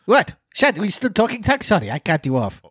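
A boisterous man hosting a casual podcast, speaking loudly in slightly broken English on a handheld mic so close to his mouth that it clips and distorts. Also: sits high, wildly swooping pitch, fairly quick, breathy edge, no echo. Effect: clipping, distorted mic from speaking too close and loud. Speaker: podcast host. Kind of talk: rowdy casual podcast banter. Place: bedroom at home, walls padded with pillows. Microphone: handheld mic held right at the mouth.

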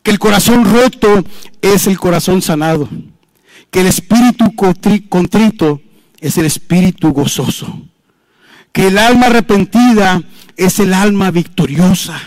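A man preaching an impassioned sermon in Spanish, often dropping low and soft when he addresses the listener as "hermano". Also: unhurried, no echo. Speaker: pastor.

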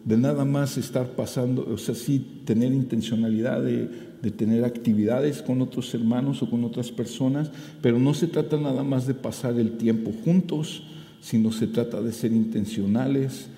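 A male pastor delivers a sermon in a mellow, warm voice. His delivery is animated, climbing to emphatic peaks before settling back. The sound is roomy, with a long hall reverb trailing his words. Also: medium pitch, moderate pace, gravelly. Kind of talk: preaching a sermon.

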